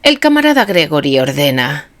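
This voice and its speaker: Woman reading as a calm defiant man. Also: sits low, a little slow, no room sound. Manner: firm, steady, declaiming. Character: calm, defiant male poet orator.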